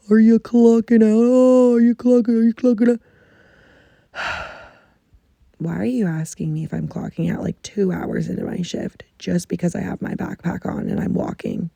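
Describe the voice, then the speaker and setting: A woman's voice: on the low side, vocal fry, mellow, slightly rough, dry recording. A young woman hosting a casual podcast from her bedroom, chatting and ranting in exasperation and swearing freely, recorded under a blanket. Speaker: podcast host. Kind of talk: casual chat. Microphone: muffled under a blanket.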